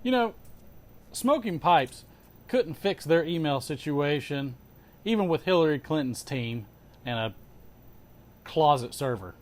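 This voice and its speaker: A man hosting a casual show, chatting as an animated storyteller with sarcastic asides, emphatic repetition and rhetorical questions. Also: a little high, unhurried, pauses often. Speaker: host of a pipe-smoking show. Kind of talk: casual chat.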